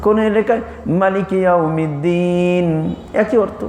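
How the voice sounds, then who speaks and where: Man, preacher, high voice, animated sermon, rhetorical questions, echoey hall. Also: unhurried. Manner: animated, rhetorical questions, mimics regional dialects. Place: mosque or religious lodge hall. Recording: echoey hall with faint noise.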